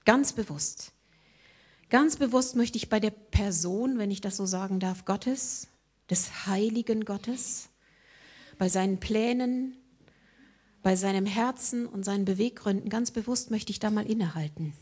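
Preaching woman with a breathy voice. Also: mid-range voice, normal speed. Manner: dramatic shifts between emphatic lines and hushed whispers; addresses congregation directly, rhetorical questions. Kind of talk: sermon.

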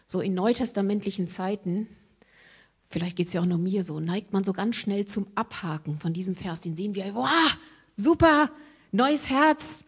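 A woman preaching a sermon to her congregation, asking them rhetorical questions and dropping from emphatic lines into hushed whispers. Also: medium pitch, expressive, normal speed, breathy edge.

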